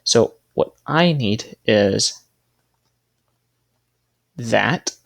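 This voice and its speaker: Gravelly man thinking aloud over gameplay. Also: on the low side, animated, extremely slow. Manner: thinking aloud, self-correcting, trailing off. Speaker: gaming video creator. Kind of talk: casual gameplay commentary.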